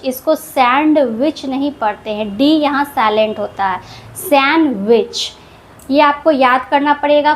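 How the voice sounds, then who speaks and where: A woman teaching English pronunciation rules, who explains each rule slowly and repeats the example words with care. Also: sits high.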